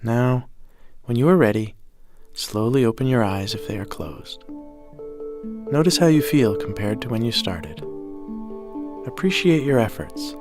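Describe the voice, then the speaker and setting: A man gently narrating a scripted guided breathing meditation in a calm, measured way, with soft phrase endings. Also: mid-range voice. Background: music.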